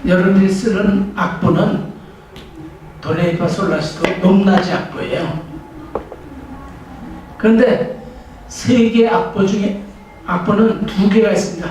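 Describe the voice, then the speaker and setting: A man's voice: high voice, measured pace, long pauses, darkish tone, recorded from a distance. An older man giving a public lecture as a professor, talking in a conversational way with restarts and rhetorical questions. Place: library training room. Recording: echoey room, voice from afar, noisy.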